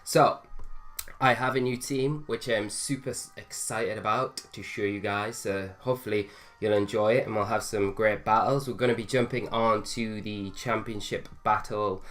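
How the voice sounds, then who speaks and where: A young man hosting a gaming video casually commentates on his own gameplay, thinking aloud with fillers. A cold makes his lowish voice slightly nasal, and he speaks at a moderate pace with fairly even intonation and a fairly bright tone.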